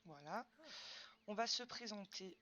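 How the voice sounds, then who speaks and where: This young woman streams a game and chats casually, answering viewers' questions with plenty of fillers. Her mid-range voice has a sharp tone and lively intonation, and she keeps a measured pace.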